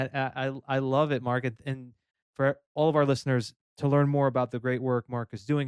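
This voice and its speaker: A man's voice: medium pitch, clear, resonant tone, no room sound. A man hosting a podcast interview, asking long, affirming questions and wrapping up with plugs. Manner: warm, affirming, drawn-out questions. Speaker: podcast host.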